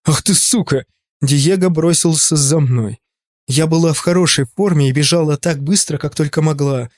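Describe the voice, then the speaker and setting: A man narrating a first-person audiobook in an even, steady storytelling manner. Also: a little high, normal speed, no room sound, studio quality. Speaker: audiobook reader.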